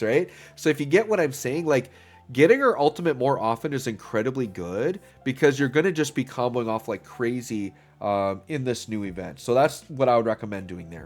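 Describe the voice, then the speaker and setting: Chatting through gameplay on his gaming channel, an upbeat man with a medium-pitched, expressive, slightly mellow voice talks at a moderate pace, faint music behind him. A slight stuffiness betrays an illness, and "um" and "right?" pepper his speech.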